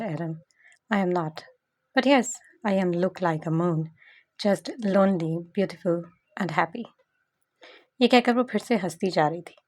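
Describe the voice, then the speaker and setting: A woman narrating a romance novel in a smooth, steady, dramatic reading voice. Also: fairly low pitch.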